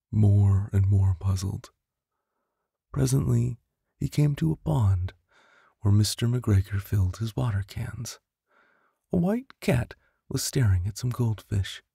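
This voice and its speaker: The narrator is a man whose low voice is creaky, dark and a bit rough, recorded with no echo on a close studio condenser microphone. He tells a bedtime story expressively, whispering and doing sound-effect voices for theatrical effect.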